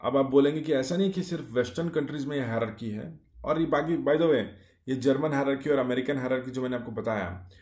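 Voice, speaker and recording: Quick-paced and darkish, a man's medium-pitched voice carries a casual explainer monologue for YouTube. Expect short clauses, many fillers, and rhetorical questions, all in an echoey room.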